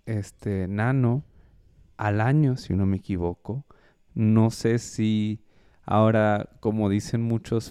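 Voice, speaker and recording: A man from the United States hosting a podcast, talking in a reflective, unhurried way. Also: fairly low pitch, warm tone, clean tone, no room sound, studio quality. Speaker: podcast host. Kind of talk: casual conversation.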